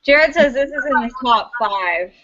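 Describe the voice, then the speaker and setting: Bright, high-voiced wisecracking woman. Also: animated, a little slow. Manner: wisecracking, laughs often. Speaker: podcast co-host. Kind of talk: casual drinking chat. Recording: dull lo-fi recording.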